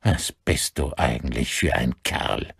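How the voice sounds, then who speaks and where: A man voicing a cold, vengeful older man who speaks slowly and deliberately in an audiobook. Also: a bass voice, vocal fry, fairly bright tone, husky, dry recording, studio quality, voice pushed down, full character voice. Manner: slow, deliberate, icy.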